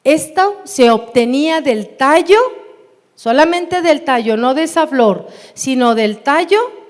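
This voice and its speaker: A woman with a Mexican Spanish accent teaching a Bible class in a church, unhurried and often asking her listeners questions. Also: high-pitched. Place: church hall. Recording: long hall reverb.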